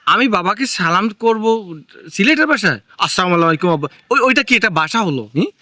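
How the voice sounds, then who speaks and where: An actor playing a boastful young husband who insists on showing off city speech in a comic regional drama. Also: male voice, high voice, lively intonation, fairly quick, bright, forceful tone, dry recording, studio quality, heavily acted. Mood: insistent.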